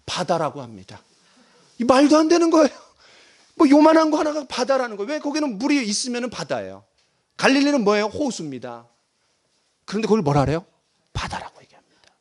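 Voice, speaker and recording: Preaching to his congregation, this middle-aged pastor sounds very high-pitched and very animated, moving briskly yet leaving long pauses. He swings dramatically between booming stress and near-whispers, and guides everyone in reading aloud together.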